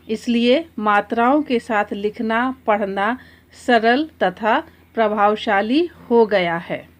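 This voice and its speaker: A woman teacher explaining a lesson to children, slowly drawing out example words one by one. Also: on the high side. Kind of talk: slow, deliberate classroom explanation.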